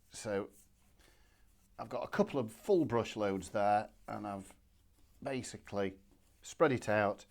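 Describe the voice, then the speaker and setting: A man, giving a relaxed, chatty step-by-step painting demonstration from his studio. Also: lowish voice. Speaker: watercolour art instructor. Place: home art studio.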